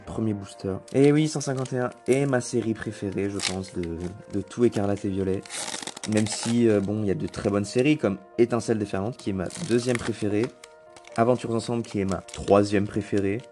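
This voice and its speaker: A young man chatting casually while opening trading card packs, who rambles between cards and breaks into excited shouting over good pulls. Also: lowish voice.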